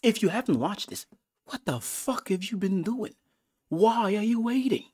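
A man giving a casual, excitable movie review, full of profanity and swinging between loud outbursts and hushed whispers. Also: high-pitched, moderate pace, breathy edge.

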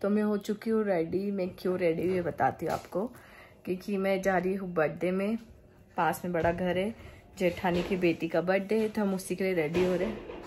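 A woman's voice: on the low side, steady tone, brisk, a little mellow, slight background noise. A woman greeting viewers and welcoming them to her vlog channel. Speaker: vlogger. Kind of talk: vlog intro.

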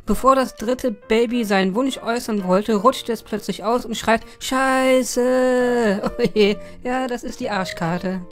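A woman's voice: a little high, moderate pace, few pauses. A woman hosting a joke channel, reading viewer jokes aloud and giggling after the punchlines with amused little asides.

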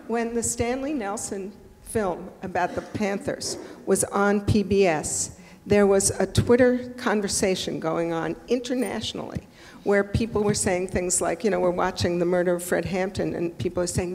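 A woman's voice: mid-range voice, steady tone, normal speed, a little mellow. An older woman activist on a panel, reflective and thinking aloud, with light laughter in her talk. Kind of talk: panel discussion. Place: museum event hall. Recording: long reverb of a large hall.

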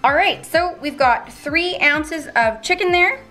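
A woman's voice: high voice, animated, unhurried, sharp tone, soft background music. A woman in her thirties, from Canada, chatting step by step through a meal prep in her home kitchen. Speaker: vlogger. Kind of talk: casual cooking vlog.

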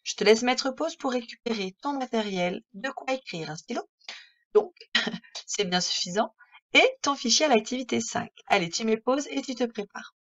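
A woman's voice: on the high side, expressive, lo-fi sound. A woman teaching a reading lesson to young children, encouraging them and sounding out words syllable by syllable. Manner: slow, deliberate syllable-by-syllable pronunciation; gentle, encouraging tone addressing children. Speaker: primary school teacher.

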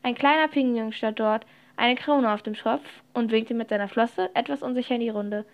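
A woman narrating a storybook chapter aloud, reading lively with occasional slips and restarts. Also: on the high side, normal speed, lo-fi sound. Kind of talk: audiobook reading.

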